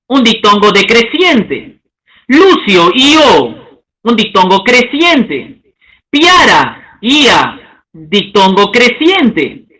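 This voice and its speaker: A man teaching a lesson, stretching out example words slowly and checking in with the class. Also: high voice, bright, forceful tone, rough recording. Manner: slow, drawn-out spelling of example words; checks in with listeners, asking okay.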